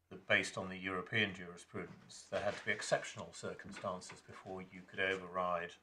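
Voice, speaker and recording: Deep-voiced judge questioning counsel. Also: male voice, bright, forceful tone, a little hiss or hum. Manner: probing, interjecting. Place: courtroom.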